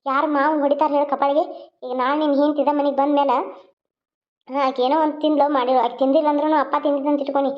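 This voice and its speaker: Brief: high-pitched woman, emotional cartoon drama voice, muffled lo-fi sound. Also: flat delivery, racing. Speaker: channel host and voice actor. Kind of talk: dialect cartoon voice acting. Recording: muffled lo-fi recording.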